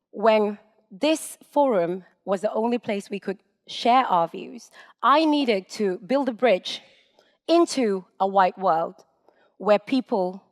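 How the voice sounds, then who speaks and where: A woman in her thirties from Sweden giving a prepared public talk from a stage, measured and emphatic with deliberate pauses. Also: mid-range voice. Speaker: public speaker. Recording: long reverb in a lecture hall.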